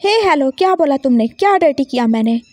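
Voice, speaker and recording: A stern young husband snaps back in a scolding, defensive way, as a woman puts him on. His voice sits lower than the narrator's. The sound is dry and close. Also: animated, brisk, darkish tone, no room sound. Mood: irritated.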